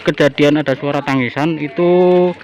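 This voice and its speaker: A man's voice: fairly high pitch, fairly even intonation, moderate pace, a little mellow, muffled recording. Man reporting outdoors. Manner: folksy, repetitive, addresses viewers as friends. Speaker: vlogger reporting on site. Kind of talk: on-location field report. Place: outdoors in a village neighborhood.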